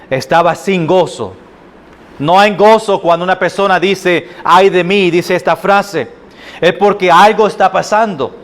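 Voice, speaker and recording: A man with a Puerto Rican accent preaching a sermon as pastor, halting often with fillers and restarts. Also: high voice. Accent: Puerto Rican Spanish. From Puerto Rico. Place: church sanctuary.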